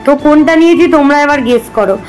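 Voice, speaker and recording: A young mother talks straight to her viewers in an easy, chatty vlog manner. Her voice sits a little high for a woman, and she walks them through her day at home and out. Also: fast talker, a little mellow, soft background music, low-quality recording. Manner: chatty, addresses viewers directly. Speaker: vlogger and mother of twin boys. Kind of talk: casual family vlog.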